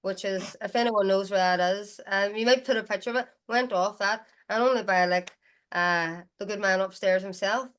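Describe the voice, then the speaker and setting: A woman's voice: medium pitch, steady tone, normal speed, a bit bright. A woman with a Derry accent from Northern Ireland, telling stories casually as an interview guest. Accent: Derry, Northern Irish. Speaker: guest musician. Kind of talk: casual chatty storytelling.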